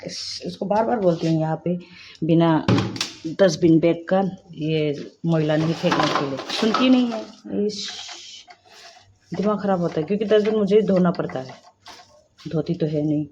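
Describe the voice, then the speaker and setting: A woman's voice: lowish voice, normal speed. A young woman, a stay-at-home mom, chatting casually to camera about her chores while moving around her home, mixing in English phrases. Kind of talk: casual vlog narration. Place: home, moving between rooms. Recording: dull lo-fi phone audio with clear household noise.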